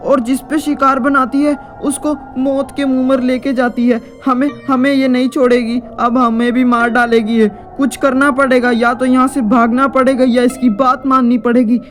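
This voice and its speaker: Frightened young man voiced by a woman, urgent, stammering, high-pitched, animated horror. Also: moderate pace, few pauses, faint music behind, natural voice. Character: frightened young man, friend urging escape.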